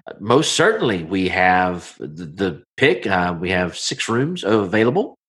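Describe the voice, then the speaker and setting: A man's voice: low-pitched, sing-song, unhurried, a bit bright, slightly rough, exaggerated voice. A man playing a polite, easygoing middle-aged innkeeper in a tabletop game, with a folksy, hesitant way of talking. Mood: polite, welcoming.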